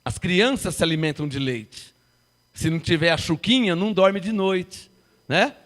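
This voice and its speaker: A man in his fifties preaching a sermon, firing rhetorical questions at the congregation and swinging from loud to hushed. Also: high-pitched, normal speed. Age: 50s.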